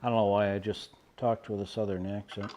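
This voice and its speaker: A man's voice: fairly low pitch, little pitch movement, fairly quick, a little mellow, slight background noise. A man narrating a casual how-to while working in his own vehicle, with a wry, self-deprecating, muttering manner. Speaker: DIY car vlogger.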